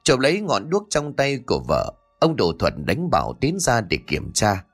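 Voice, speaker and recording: A man tells a ghost story in a measured, dramatic way, his pitch moving up and down with a lot of life. He sits at a middle pitch for a man. Quiet music plays faintly underneath. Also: wildly swooping pitch, husky. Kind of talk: scripted narration of a ghost story.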